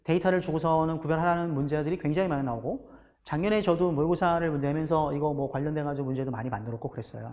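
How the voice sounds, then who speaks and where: A man teaching a lecture class in a high, bright voice. He keeps asking questions and answering them himself. A long reverb fills the room around him. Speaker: English teacher for exam prep. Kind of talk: recorded lecture.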